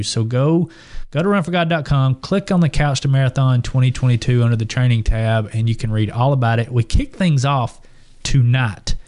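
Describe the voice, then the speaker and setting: An enthusiastic man co-hosts a casual podcast, rambling a little and restarting his sentences. His voice sits at an ordinary middle pitch for a man. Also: darkish tone. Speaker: podcast co-host.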